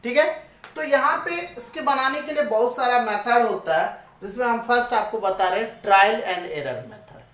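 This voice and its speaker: A woman's voice: fairly high pitch, expressive, moderate pace, a bit bright. A woman teaching a maths lesson, asking her students questions and then answering them herself. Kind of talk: classroom-style maths lesson. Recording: echoey room, voice away from the mic.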